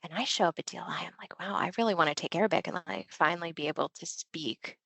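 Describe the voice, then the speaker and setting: Talking quickly in a lowish, gravelly voice with a fairly bright tone, a woman who is a Marine veteran and linguist guests on a podcast. She's candid and chatty, using loose fillers in the casual interview. The recording has no room sound.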